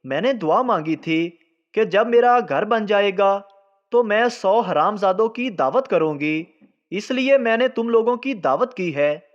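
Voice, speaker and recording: A man's voice: sits high, lively intonation, measured pace, lo-fi sound. A man voicing a cheeky older woman in a spoken joke, in a plain storytelling way. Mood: sly.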